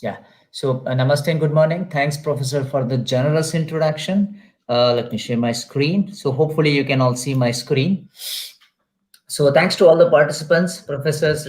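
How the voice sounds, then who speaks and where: A man with an Indian English accent giving an online webinar lecture in a steady, explaining way with many fillers. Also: mid-range voice, echoey room. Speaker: guest lecturer. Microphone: video call.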